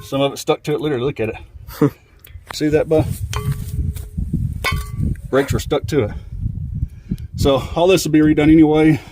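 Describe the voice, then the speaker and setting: A man's voice: fairly high pitch, fairly even intonation, moderate pace, long pauses, background noise. Winded man talking while he works. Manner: rambling, filler-heavy, laid-back. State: out of breath. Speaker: vlogger fixing an old truck. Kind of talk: casual working commentary.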